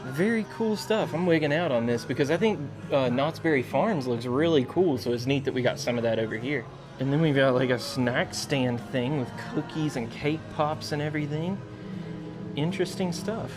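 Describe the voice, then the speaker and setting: American man, vlogger, slightly high voice, casual folksy chat, enthusiastic, music in background, theme park. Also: moderate pace. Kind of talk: casual on-location vlog chat. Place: theme park, shop and outdoor food areas. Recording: music behind, outdoor park sound.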